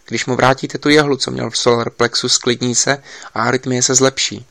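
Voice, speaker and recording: A man's voice: mid-range voice, level tone, vocal fry, fairly bright tone, no echo. A man reading an audiobook, voicing an insistent investigator giving urgent instructions over a line.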